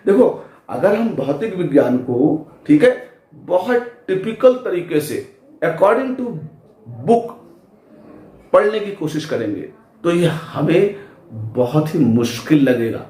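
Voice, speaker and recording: A man's voice: on the high side, darkish tone. A man teaching physics in speech at a board, who asks the class questions and answers them himself. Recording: echoey room.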